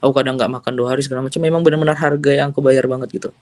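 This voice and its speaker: A man's voice: mid-range voice, fairly even intonation, racing, darkish tone, no room sound. A young man giving a personal faith testimony as an interview guest, telling it casually and earnestly and dropping in English phrases. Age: young adult.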